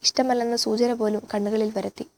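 A woman reading a literary novel aloud in a measured, expressive way. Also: fairly high pitch, slight background noise. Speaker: audiobook reader.

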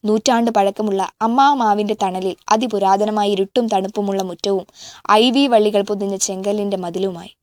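Woman, audiobook narration, measured even reading, mid pitch, dry close recording. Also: no room sound. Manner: measured, even reading with spoken self-corrections. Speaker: audiobook reader. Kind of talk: novel reading.

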